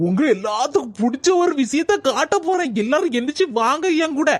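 A cartoon woman with a Kanyakumari Tamil accent who leads the family on an outing, teasing and a little mysterious, as a woman voices her. Her voice is high-pitched. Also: lively intonation, fairly quick.

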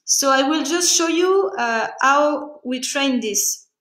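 A woman's voice: high voice, animated, roomy sound, rough recording. Woman teaching singing. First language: French. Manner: halting, searching for words, demonstrates with sung syllables. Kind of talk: online singing workshop.

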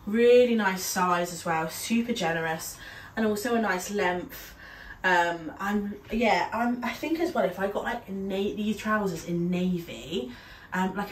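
Recorded by a camera across a small room at home, a young woman from the UK talks through a try-on haul, her mid-range voice congested from a cold. She fills her chat with ums and small laughs, and the sound is echoey and slightly distant with a bit of background noise.

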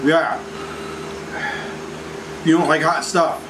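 A man's voice: a little high, fairly even intonation, slow pace, over a noisy crowd. A man in his thirties chatting casually for a home vlog, strained from eating very spicy food. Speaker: spicy food challenge vlogger. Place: home dining room, indoors. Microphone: camera across the table. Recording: noisy room with air conditioning hum.

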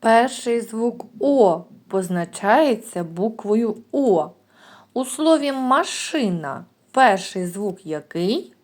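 Here a woman teaching kindergarten stretches out her sounds slowly and plainly so the children can follow. The preschool lesson moves at an easy pace, and her pitch stays lively.

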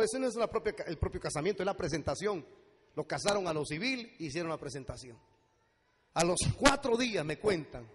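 Husky preacher guy, fired up sermon, quiet stories then yelling, big echoey church. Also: high-pitched. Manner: fervent, swings from quiet storytelling to shouted exhortation. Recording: long church hall reverb.

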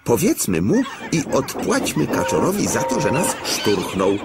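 A man voicing a gang of mischievous, spiteful freight trucks in a cartoon story, jeering and shrill. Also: wildly swooping pitch, normal speed, vocal fry, very noisy, heavily acted.

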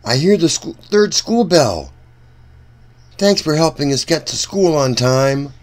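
Here a man, voice a touch on the high side, gives a storybook reading for kids, speaking to them directly in an animated yet deliberate style.

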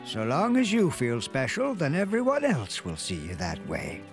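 A man voicing a gentle, kindly old farmer in a cartoon, folksy in manner. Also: medium pitch, wildly swooping pitch, normal speed, soft background music. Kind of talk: animated series voice acting.

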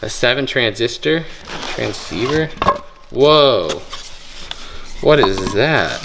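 A young man talks through his finds in a storage unit, chatty and joking as he thinks out loud. His voice sits at an ordinary pitch, and loud noise runs under the recording. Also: very animated, takes it slowly, vocal fry. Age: young adult. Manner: chatty, joking, thinking aloud while rummaging. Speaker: storage unit treasure hunter. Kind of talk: casual vlog narration. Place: indoor metal storage unit.

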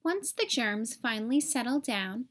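Her voice on the high side, a woman narrates a picture book for children with deliberate pacing, lively expression, and theatrical emphasis.

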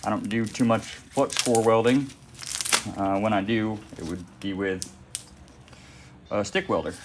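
A man's voice: on the low side, measured pace, noisy background. A young man chatting casually while unboxing and setting up a welder in his garage workshop. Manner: chatty, loose, talks while working with his hands. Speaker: welding hobbyist vlogger. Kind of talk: casual unboxing and how-to talk. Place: garage workshop with concrete floor. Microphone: phone camera held or propped nearby.

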